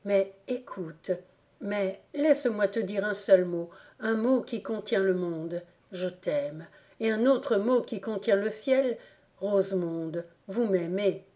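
A woman's voice: medium pitch, slow pace, mellow, natural voice. A woman reading the lines of an impetuous young man in love, in a passionate, exclamatory way. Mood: ardent. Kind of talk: audiobook character reading.

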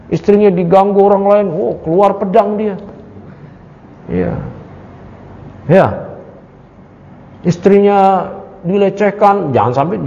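A man's voice: high-pitched, vocal fry, mellow. A man teaching an Islamic study class. He recites Arabic lines and then explains them, and he often asks the audience rhetorical questions and jokes with them. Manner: casual with playful jokes. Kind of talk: religious study lecture. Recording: dull, echoey lecture hall recording.

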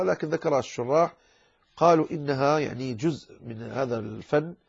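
A man's voice: medium pitch, darkish tone, slightly rough. A man teaching Quran recitation rules in a lecture, explaining patiently and addressing his listeners as brothers. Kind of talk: classroom lecture explaining a verse text. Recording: dull lo-fi lecture recording.

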